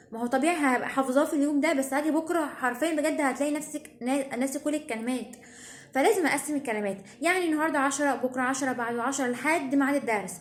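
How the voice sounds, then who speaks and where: A woman's voice: high-pitched, echoey room. A teenage girl with an Egyptian Arabic accent, giving study tips in a chatty, emphatic way and often checking in with her listeners. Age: teens. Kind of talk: casual advice talk to camera.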